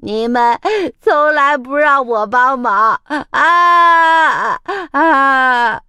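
A woman's voice: fairly high pitch, lively intonation, slow, bright, forceful tone, clear, resonant tone, no echo, heavily acted. A woman voicing a fussy, eager little male duck in a children's storybook reading, quacking and whiny. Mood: wailing. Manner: quacking, sing-song, whiny when upset.

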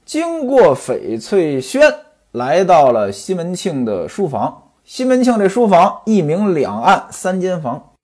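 Husky, animated male storyteller. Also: high-pitched, a little slow. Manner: chatty, explains old customs to listeners. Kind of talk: traditional storytelling with asides.

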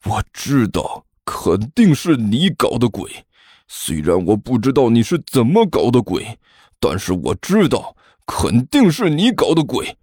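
A man voicing a vengeful, menacing rich schoolboy who speaks in slow, low threats. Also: huge pitch swings, a little mellow, slightly rough, no echo, clean studio sound, full character voice.

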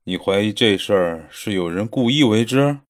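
A man's voice: on the low side, expressive, moderate pace, no echo, studio quality, close to an everyday voice. A man voicing a curt, commanding emperor. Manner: curt, urgent orders. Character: young emperor, brisk and commanding. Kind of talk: audio drama acting.

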